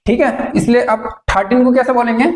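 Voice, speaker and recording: Female English tutor, patient and deliberate, recorded with noticeable room echo. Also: on the high side, steady tone, a little mellow, slight background noise. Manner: slow, drawn-out counting of numbers; explaining patiently to her viewers. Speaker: spoken English teacher. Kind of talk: classroom lesson.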